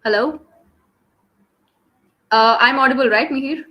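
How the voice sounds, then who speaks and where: A woman's voice: sits high, measured pace, sharp tone. A young woman with an Indian English accent, hosting and presenting a live online webinar for students. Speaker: webinar host. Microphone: online call microphone.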